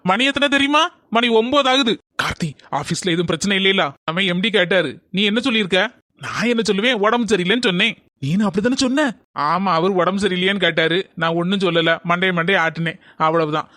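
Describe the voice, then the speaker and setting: A man's voice: sits high, bright, forceful tone, no echo, clean studio sound. A man voicing a chatty young office worker in a cartoon, speaking Kanyakumari Tamil.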